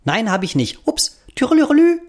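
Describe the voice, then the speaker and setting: Man voicing a squawking alien budgie, high and chirpy, excitable and bossy, very lively pitch, slightly husky, storybook. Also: normal speed, exaggerated voice. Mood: frech. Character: cheeky chattering little male alien budgie. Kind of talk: storybook narration.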